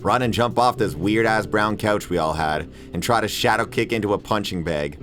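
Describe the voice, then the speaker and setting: A man in his thirties, a video essayist who hosts his own channel, narrates a casual video essay with irreverent, opinionated, slangy and profane commentary. His voice is fairly low and moves at a normal speed, with background music playing behind him.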